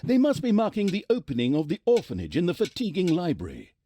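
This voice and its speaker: Wry mock-solemn game narrator. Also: male voice, high-pitched, huge pitch swings, fast talker, mellow, a little hiss or hum. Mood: sardonic. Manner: mock-solemn, tongue-in-cheek.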